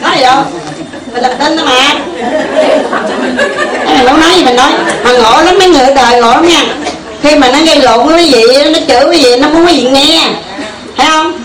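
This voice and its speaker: Older woman teaching, echoey. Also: sits high. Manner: folksy, laughing, with rhetorical questions to listeners. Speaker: Buddhist teacher. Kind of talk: Dharma talk with storytelling. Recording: echoey room, mic far off.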